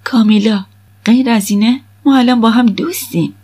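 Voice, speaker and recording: A woman voicing a composed, reserved older mother in an audiobook, speaking in a measured, softly controlled, husky way. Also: a little high, pitched above the performer's own voice.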